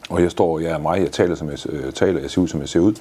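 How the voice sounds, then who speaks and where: A man's voice: very deep voice, mellow, breathy edge. A man in his fifties answering interview questions in a blunt, enthusiastic way, swearing freely. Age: 50s. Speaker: guest.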